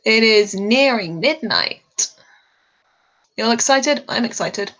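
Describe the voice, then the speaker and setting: A woman's voice: fairly high pitch, expressive, slow pace, fairly bright tone, low-quality recording. A woman chatting casually on a live stream while she draws, a bit tired, rambling and laughing often.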